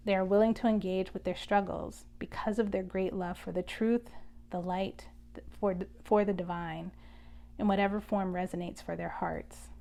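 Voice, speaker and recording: A woman giving an energy reading, speaking in a measured, contemplative way and leading a guided prayer. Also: mid-range voice, steady tone, creaky, dark tone. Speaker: spiritual reader.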